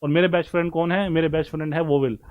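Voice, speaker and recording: A man teaching stenography in a live class, with a high, light voice. He talks to his students like brothers and friends, easygoing and repetitive, showing them step by step how to write each shape. His delivery is a casual teaching style rather than formal. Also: steady tone, racing, narrow, tinny audio. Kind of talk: online class lesson.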